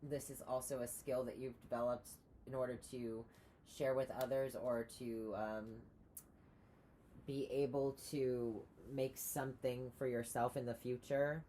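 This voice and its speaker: A woman giving a casual tarot reading, rambling with many pauses and restarts. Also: extremely low pitch, steady tone, dark tone, slight background noise. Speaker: tarot reader.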